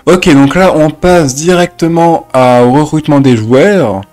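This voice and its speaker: A man doing casual reaction commentary, excitable and jokey, laughing often. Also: on the high side, unhurried, faint music behind. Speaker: reaction youtuber.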